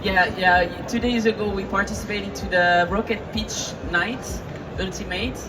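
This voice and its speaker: A woman's voice: medium pitch, steady tone, moderate pace. French woman researcher on a panel. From France. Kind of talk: panel self-introduction. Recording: distant mic in a noisy event hall.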